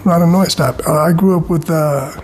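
Fairly quick and fairly high-pitched with a darkish tone, this middle-aged Californian is a guest in a casual interview chat. His relaxed manner leans on "you know" and "man." The slightly rough recording has faint music and background noise behind it.

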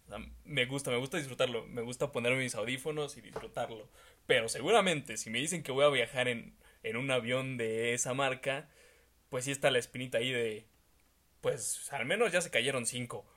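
A man with a Mexican accent, co-hosting a casual discussion in a relaxed, conversational way. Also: medium pitch, normal speed. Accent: Mexican Spanish. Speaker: podcast co-host.

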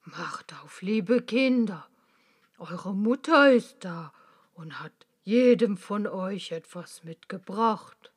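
A woman's voice: mid-range voice, animated, slow pace, husky. Woman doing a sly storybook wolf. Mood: coaxing. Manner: loud, coaxing and threatening. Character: cunning big bad wolf, male, menacing.

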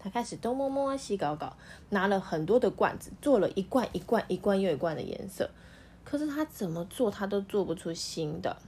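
A mother reads a picture book aloud at home in a middle-pitched, lively voice, stopping often to quiz her child about the story. Faint background noise sits under the voice. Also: a little fast. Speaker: parent reading to her child.

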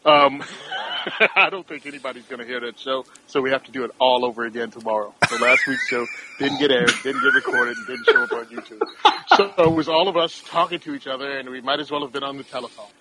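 A man's voice: medium pitch, fast talker, very noisy. A man on a casual podcast, telling a joking, exaggerated story.

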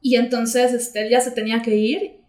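A woman's voice: a little high, moderate pace, reverberant. A young woman with a Mexican accent, casually telling a story on a podcast and acting out the lines she quotes. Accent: Mexican Spanish. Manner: animated, slangy, acts out quoted lines. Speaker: podcast co-host.

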